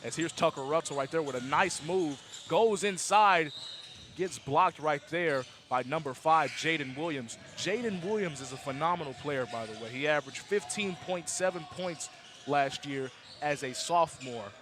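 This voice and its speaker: Young male basketball announcer, slightly high, gym ball bounces behind. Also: normal speed, background noise. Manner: casual, repeats "absolutely", filler-heavy. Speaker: play-by-play announcer. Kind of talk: sports commentary.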